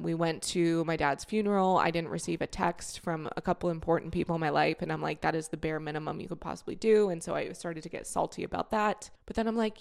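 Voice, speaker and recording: A woman's voice: lowish voice, creaky. A woman in her thirties, a podcast host and coach, talking candidly and casually in a solo episode while grieving. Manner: candid, conversational, swears casually.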